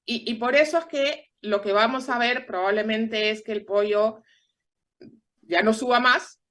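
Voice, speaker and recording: A woman from Peru with a Peruvian Spanish accent, a guest explaining things in measured interview answers with frequent tag questions. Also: fairly high pitch, fairly bright tone. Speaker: guest analyst.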